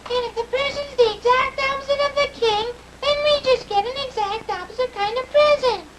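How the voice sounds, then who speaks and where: Shrill, extremely high bratty stepsister. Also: female voice, brisk, very noisy. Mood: eager. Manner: childish, insistent, quarrelsome. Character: shrill, bratty, competitive young stepsister in a fairy tale. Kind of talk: comic fairy-tale television acting.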